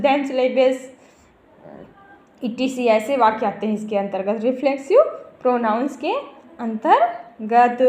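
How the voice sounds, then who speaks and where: Slow, high-voiced woman teaching grammar. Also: a little mellow. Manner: calls students "beta", repeats terms, checks understanding. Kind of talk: grammar lesson. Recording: echoey room.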